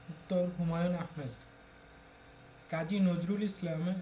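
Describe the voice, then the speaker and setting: Slow, mellow quiz-reading tutor. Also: medium pitch, a little hiss or hum. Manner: steady question-and-answer recitation, each answer announced after a short lead-in. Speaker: exam-prep tutor. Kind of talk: reading quiz questions and answers aloud.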